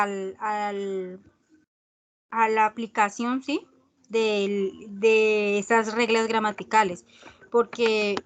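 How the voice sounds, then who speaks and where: Slow, higher-pitched woman teacher. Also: a bit bright. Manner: explains slowly, checks in with "¿sí?" and "¿cierto?"; reads English definitions from slides. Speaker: English teacher. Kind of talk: online class lecture.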